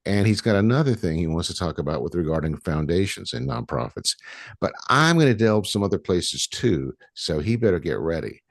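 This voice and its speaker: A man's voice: deep voice, very animated, a little fast, vocal fry, no room sound, clean studio sound. A man hosting a podcast interview, chatty and rambling, restarting his sentences often. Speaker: podcast host. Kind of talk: casual interview.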